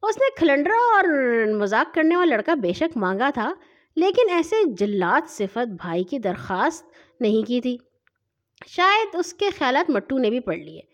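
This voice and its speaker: Woman narrator for kids' audio stories, high, lively voice, lo-fi. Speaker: storyteller. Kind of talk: children's story narration.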